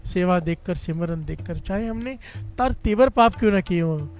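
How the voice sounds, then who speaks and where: A man's voice: high-pitched, lively intonation, normal speed, a little mellow. A man giving a fervent Sikh sermon. He tells a story and keeps calling on the congregation to respond. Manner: fervent storytelling, often leading the congregation in "dhan guru nanak". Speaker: Sikh preacher giving katha. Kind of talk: devotional sermon with call-and-response.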